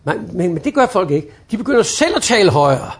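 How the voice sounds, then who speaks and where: Male trainer, high voice with gravel, acts out phone calls for a class. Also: very animated. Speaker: customer service trainer. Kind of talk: lively training talk.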